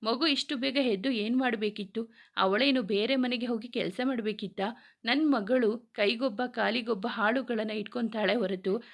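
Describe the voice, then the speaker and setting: A woman's voice: fairly high pitch, moderate pace, vocal fry. A woman voicing a middle-aged father who spoils and soothes his daughter, in a read-aloud story. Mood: defensive. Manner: soothing, indulgent toward daughter. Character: doting indulgent father, middle-aged man.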